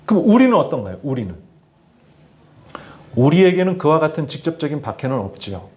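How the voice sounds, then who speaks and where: A man's voice: a little high, a little fast. A middle-aged male pastor preaching a sermon to his congregation, often asking them questions. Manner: addresses congregation with questions, lively emphasis. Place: church in Tianjin, China.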